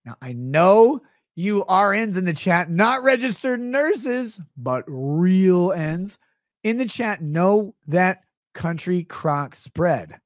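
Speaking slowly in a high, expressive voice, this man in his thirties hosts a live stream full of sarcastic, comedic ranting that rambles and hops between voices. The dry recording comes from a close studio mic on a stand in a small indoor home studio.

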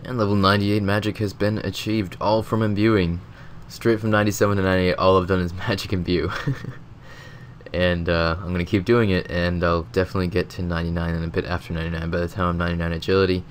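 A deep-pitched man sounding sick and congested, his nose stuffed up. He talks casually and loosely over gameplay, drifting between thoughts with frequent fillers. A faint hum of background noise sits behind him. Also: fast talker. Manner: rambling, relaxed, lots of filler words. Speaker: gaming video host. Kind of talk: casual game commentary voice-over.

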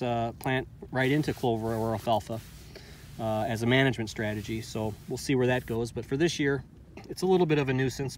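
A man farmer hosting a ride-along, walking through his field and explaining the work in a relaxed way, with many ums and restarts. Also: medium pitch. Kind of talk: casual walkthrough narration. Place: outdoors in a farm field. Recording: loud outdoor ambience with vehicle noise.

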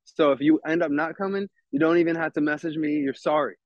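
A man's voice: on the high side, quick pace, dry recording, highs cut off. A man from Texas chatting casually, rambling and swearing freely while describing events he organizes. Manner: rambling, laid-back, swears a lot. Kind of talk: casual chat.

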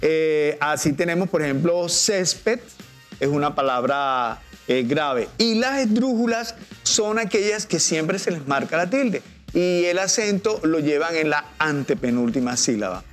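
A man's voice: fairly high pitch, animated, unhurried, hardly any pauses, soft background music. A man with a Colombian Spanish accent, a teacher guest explaining in a patient, didactic way and drawing out example words. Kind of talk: explanatory TV interview.

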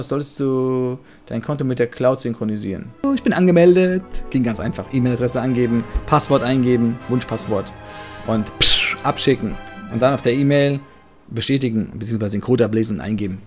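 Man, casual gameplay commentary, blunt jokey rambling, average pitch. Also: brisk, faint music behind. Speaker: let's play gamer.

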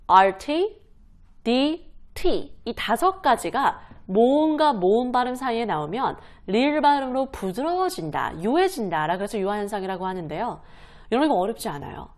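A woman teaching English pronunciation to camera, demonstrating words slowly and repeating them, asking and answering her own questions. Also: a little high. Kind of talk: explaining lesson to camera.

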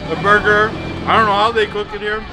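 A man's voice: high voice, fairly even intonation, brisk, low-quality recording. A man reviewing a burger in a casual vlog, talking bluntly with his mouth full of burger. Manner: blunt, talks through bites. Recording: clear music and crowd noise behind.

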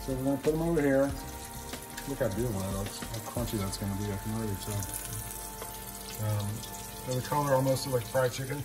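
A man in his thirties hosting a home cooking show, explaining each step in a relaxed way as he cooks in his kitchen. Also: mid-range voice, quick pace, pauses often, poor audio. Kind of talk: casual cooking demonstration. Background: background music.

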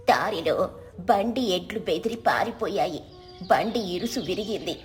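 A woman's voice: mid-range voice, natural voice. A woman voicing a frightened, talkative old village woman who exclaims anxiously.

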